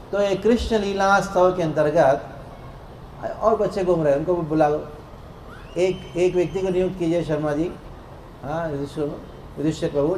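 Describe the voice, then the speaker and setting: A man preaching a devotional discourse to a congregation in a temple hall, playful and lively, leading the crowd in call-and-response chanting. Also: on the high side. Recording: echoey hall with faint noise.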